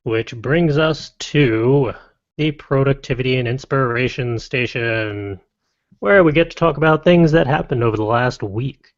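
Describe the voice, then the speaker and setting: A man hosting a casual podcast, reading lists briskly and adding wry, playful asides. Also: medium pitch. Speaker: podcast host. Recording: dull lo-fi dry podcast audio.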